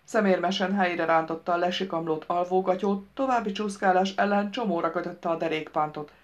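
Woman narrating a lively audiobook. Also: on the low side, highs cut off. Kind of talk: scripted narration.

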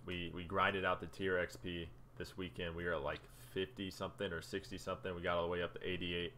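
A young gaming YouTuber, speaking fast in a low, level voice that sounds pushed and bright, gives casual gameplay commentary. He's chatty and loose as he scrolls through menus talking about his game stats, with a little hiss or hum on the recording.

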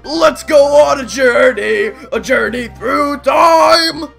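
Woman as a bossy, creaky talking alarm clock. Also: fairly high pitch, big pitch swings, moderate pace, fairly bright tone, faint music behind, heavily acted. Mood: showy, insistent. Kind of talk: fan cartoon comic dub.

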